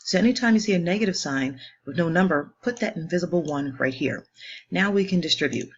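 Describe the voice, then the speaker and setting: A woman math teacher working through homework problems step by step in a brisk, upbeat way, joking now and then at her own expense. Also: fairly low pitch, lively intonation, breathy edge, muffled recording. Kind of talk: homework walkthrough lesson.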